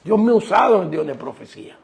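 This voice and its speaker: Male pastor preaching, kinda high voice with lots of gravel, keeps asking the crowd questions. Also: sing-song, fast talker. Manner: emphatic, asks the congregation rhetorical questions. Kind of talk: sermon.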